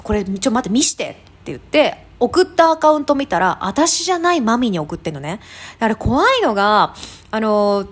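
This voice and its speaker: A woman's voice: on the high side, expressive, moderate pace, husky. A woman in her thirties, hosting a casual talk show and telling a funny story with many fillers and laughs. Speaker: podcast host. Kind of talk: casual chat.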